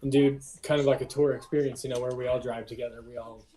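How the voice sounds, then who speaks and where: A man in his twenties, a band member chatting casually on a podcast, relaxed and often laughing. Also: medium pitch, fast, low-quality recording. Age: 20s.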